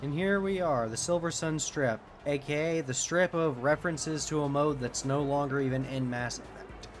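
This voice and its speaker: A man's voice: a little high, moderate pace, background noise. A man giving casual gameplay commentary as a streamer, candid and swearing a lot. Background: game music.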